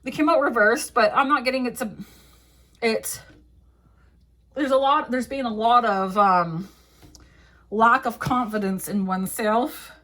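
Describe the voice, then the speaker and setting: A woman's voice: on the high side, a little slow, pauses often, fairly bright tone. A young woman giving a casual tarot reading, rambling with many fillers, laughing often and swearing now and then. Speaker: tarot reader.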